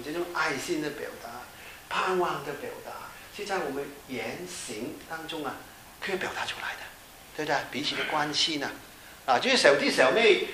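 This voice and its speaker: A man's voice: fairly high pitch, sharp tone. A middle-aged man preaching a conversational sermon as a pastor, often checking in with his listeners and using fillers. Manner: conversational preaching with frequent tag questions and fillers. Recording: echoey room with faint hiss.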